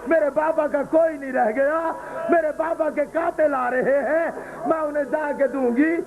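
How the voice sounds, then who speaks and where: Pleading little girl in a lament, a man quoting her in his own very high voice, loud crowd behind. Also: fairly even intonation, narrow, tinny audio. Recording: live gathering with crowd noise. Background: crowd of mourners.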